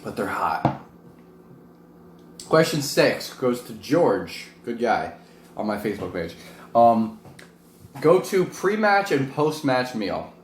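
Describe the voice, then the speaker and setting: Guy vlogging, kinda low voice, rambly casual chat, echoey room w a bit of background noise. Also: big pitch swings, slow. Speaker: vlog host and amateur wrestler. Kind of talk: casual chat to camera while eating hot wings. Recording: roomy echo with faint background noise.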